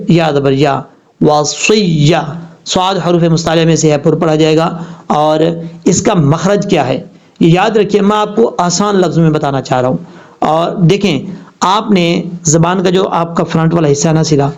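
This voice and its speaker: A man with a Pakistani Urdu accent and a slightly high voice teaches Quran recitation. He explains each rule step by step, then recites the example words slowly and drawn out. The recording sounds dull and lo-fi. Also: darkish tone. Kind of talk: tajweed lesson.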